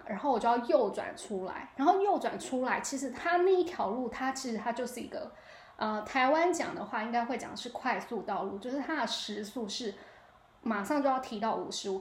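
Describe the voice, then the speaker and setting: Animated Taiwanese woman, echoey room. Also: on the high side. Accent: Taiwanese Mandarin. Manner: animated, keeps asking the listener 你知道吗. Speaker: podcast host. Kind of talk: casual storytelling monologue. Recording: echoey room with faint ambience.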